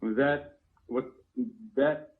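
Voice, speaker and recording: With huge pitch swings, drawn-out words, and a creaky, mid-range voice, a man explains the products he invented during a live phone call. As the company's founder, he covers them informally and technically, step by step. The line sounds narrow and tinny.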